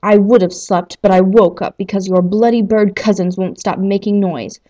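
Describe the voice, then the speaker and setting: A woman's voice: medium pitch, fairly even intonation, moderate pace, mellow, natural voice. A grumpy, hungover dwarf snaps in a blunt, irritable voice, as a woman reading a storybook aloud puts him on. The voice sits in a middle register. The recording sounds slightly muffled.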